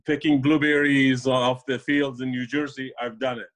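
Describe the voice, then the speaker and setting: A man's voice: medium pitch, level tone, moderate pace, rough recording. A man from Afghanistan, an immigration lawyer guest, talking casually in an interview with many fillers and restarts.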